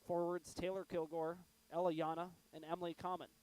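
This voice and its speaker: A man with a sore throat announcing live from an arena broadcast booth, talking in a monotone. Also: on the high side, a little fast, low-quality recording. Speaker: play-by-play announcer.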